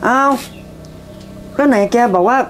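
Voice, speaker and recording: A young man playing a friend who coaches a village girl in singing, giving orders in a bossy, pushy way. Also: takes it slowly. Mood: hurt, gentle. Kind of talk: short drama acting. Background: loud music.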